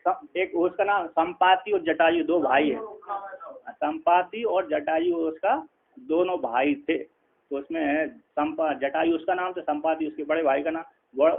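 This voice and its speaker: Gravelly man teaching on a tinny line. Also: fairly high pitch. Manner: slow chanted Sanskrit quotes between conversational Hindi explanation; checks with listeners, asking "है ना". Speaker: teacher of Sanskrit philosophy. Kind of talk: classroom commentary on a Sanskrit text.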